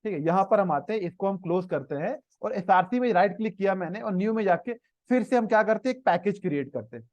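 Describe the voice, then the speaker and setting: Talking fast with lively intonation, this programming instructor has a high, somewhat mellow voice and an Indian accent. He teaches a live coding class in a blend of Hindi and English, checking in with students, over dry, slightly dull online audio with no echo.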